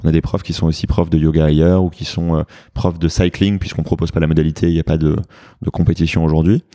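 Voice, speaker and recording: Very deep-voiced French man, hesitant. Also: level tone, fast talker, mellow, dry recording, clean studio sound. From France. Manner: hesitant, many fillers and restarts. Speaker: fitness studio founder. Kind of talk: business interview.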